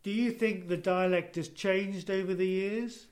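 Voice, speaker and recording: A man conducts a gentle, conversational interview in a voice slightly higher than average. His questions come out a little tentatively, with small affirmations along the way. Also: steady tone, unhurried.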